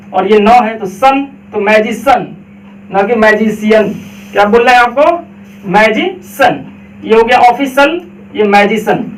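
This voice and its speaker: A man's voice: very high voice, reverberant, recorded from a distance, slight background noise, poor audio. A man teaching a pronunciation lesson, explaining step by step and asking and answering his own questions, with a Bihari Indian accent. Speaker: English teacher.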